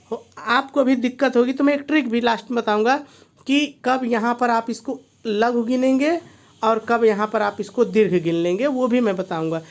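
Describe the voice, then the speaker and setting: A male teacher giving a video lesson, who asks himself why and then answers, repeating each key point. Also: extremely high pitch. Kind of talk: classroom-style video lesson.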